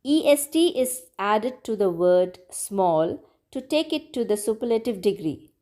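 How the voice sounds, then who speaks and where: Slow, patient woman teacher. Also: mid-range voice, lively intonation, mellow. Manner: patient, repeats words slowly and clearly. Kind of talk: slow classroom grammar lesson.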